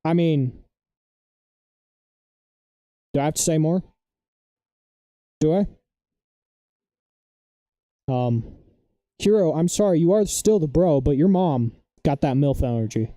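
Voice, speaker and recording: A young man chatting casually on a live stream, rambling and excitable, loudly defending his opinions. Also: on the high side, a little slow, long pauses, no echo, studio quality.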